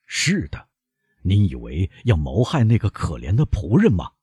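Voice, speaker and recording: A man's voice: low voice, wildly swooping pitch, warm tone, breathy edge, dry recording, exaggerated voice. A man doing a cold, relentless doctor. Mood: stern. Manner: cold, measured, insistent. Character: stern older male doctor, relentless accuser. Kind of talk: audiobook character reading.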